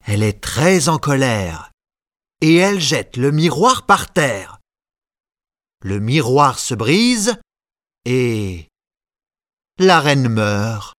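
A man narrating a fairy tale slowly, with careful, expressive reading. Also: medium pitch, dry recording, studio quality. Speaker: storyteller. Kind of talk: slow storybook narration.

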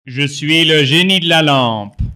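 A man's voice: on the high side, unhurried, pushed and bright. Man plays solemn genie of the lamp, formal delivery, storybook. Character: grand male genie of the lamp. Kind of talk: storybook reading for learners.

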